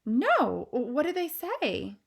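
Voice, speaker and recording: Reading a storybook aloud, a woman takes on the part of an elderly queen, a grand figure who is easily alarmed. Her voice is pushed high and exaggerated, with huge pitch swings, vocal fry, and a slow pace. The queen sounds alarmed yet refined, speaking in posh, exclamatory phrases.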